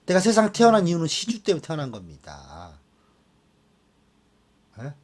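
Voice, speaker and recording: A man teaching a class of students, animated and often checking that they follow along. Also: a little high, normal speed. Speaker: fortune-telling teacher. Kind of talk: classroom lecture.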